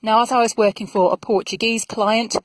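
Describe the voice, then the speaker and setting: A middle-aged woman, a voiceover artist, chatting to camera from her small home studio in a friendly, clearly enunciated way. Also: a little high, steady tone, a little fast, dry recording, low-quality recording. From England. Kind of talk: casual explainer to camera.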